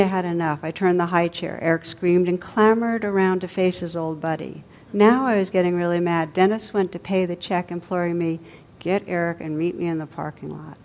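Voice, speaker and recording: A woman storyteller reading a tale aloud in a somewhat low voice. Her delivery is gentle and expressive, and her lines trail off softly at the ends. The pace is unhurried.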